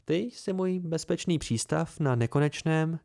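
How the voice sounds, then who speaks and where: A gentle, playful young woman with a soft lilt speaks in a raised, smooth voice, as a male amateur audiobook reader puts her on. She sounds a little weary, and her tone stays tender. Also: sits high, animated, voice pushed up.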